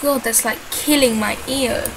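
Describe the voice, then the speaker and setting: A woman giving casual game commentary in a quiet but clear voice over laptop noise. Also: fairly high pitch, steady tone, measured pace. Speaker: gaming video host. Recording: noisy laptop hum in background.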